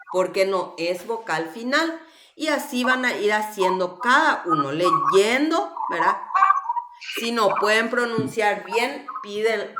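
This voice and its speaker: A woman with a Paraguayan accent teaching a recorded class, slowly and patiently drilling words aloud syllable by syllable. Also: medium pitch, reverberant, very noisy. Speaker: language teacher.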